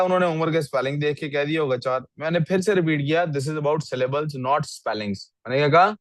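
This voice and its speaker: A dry recording captures a male English teacher, his voice a little high and fairly bright in tone. Over a video call he reviews student writing, puts frequent questions to the class and mixes English into Urdu.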